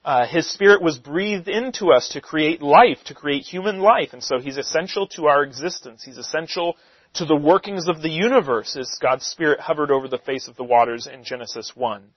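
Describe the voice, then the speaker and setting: A man preaching a Bible lesson, reading scripture slowly and then explaining it in loose, conversational asides. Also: on the high side, no echo. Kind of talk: sermon-style Bible teaching. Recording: dull, slightly lo-fi dry recording.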